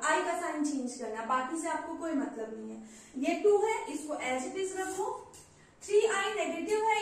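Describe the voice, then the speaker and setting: A woman teaching a maths lesson at a board, patiently asking questions and answering them herself. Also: very high-pitched. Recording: echoey room, voice from far off.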